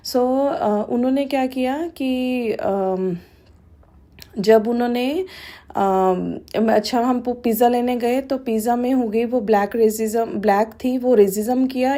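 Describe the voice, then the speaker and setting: Woman, middle-aged, warm and fairly high voice, devotional testimony, halting, filler-heavy, mixes English into Hindi.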